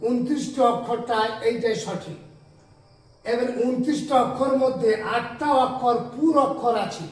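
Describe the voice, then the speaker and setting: A man from West Bengal teaching how to read the Quran, drilling letters aloud and stretching out the recited sounds. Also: extremely high pitch. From West Bengal, India. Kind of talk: slow classroom instruction with chanted recitation. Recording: very echoey room, distant from the mic.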